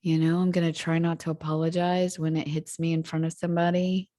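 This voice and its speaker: A woman's voice: deep voice, little pitch movement, fairly quick, warm tone, dry recording. A woman guest on a podcast, speaking candidly and reflectively in casual conversation, laughing easily.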